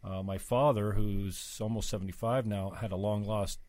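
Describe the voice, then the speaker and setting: Halting, informal middle-aged male interview host. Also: lowish voice, fairly even intonation, a little mellow, dry recording. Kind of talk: casual chat, loosely improvised interviewing.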